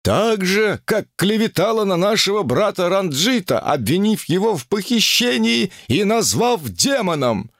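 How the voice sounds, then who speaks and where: A man playing a gravelly sanctimonious guru. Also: sits high, sing-song, a bit bright, no echo, studio quality, exaggerated voice. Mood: self-righteous. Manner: sanctimonious, drawn-out preaching. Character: pompous fanatical male guru preaching against women. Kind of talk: audiobook character reading.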